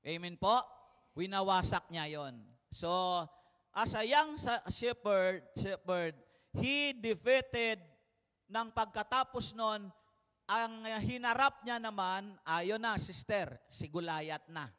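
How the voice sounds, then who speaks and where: A man's voice: high-pitched, slow, sharp tone, clear, resonant tone. A man preaching a sermon to a congregation, telling the story vividly and asking them questions. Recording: reverberant hall.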